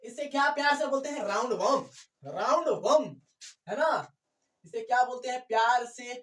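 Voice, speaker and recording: Teaching biology, this woman restates every point, keeps quizzing the class with rhetorical questions and slips in English terms. Her slightly high voice has a fairly bright tone at normal speed, and the echoey room and distant mic make it sound far off and roomy.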